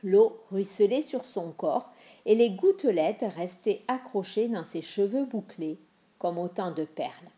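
A woman reading a myth aloud in a gentle, expressive storytelling manner. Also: medium pitch, a little slow.

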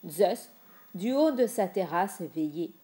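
A woman reading a myth aloud in a gentle, expressive storytelling manner. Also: medium pitch, takes it slowly.

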